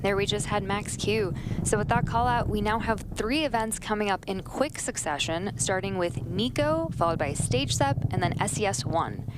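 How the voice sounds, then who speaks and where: A woman's voice: medium pitch, expressive, moderate pace, few pauses. A woman hosting a live launch webcast, explaining each step in commentary. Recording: faint background noise.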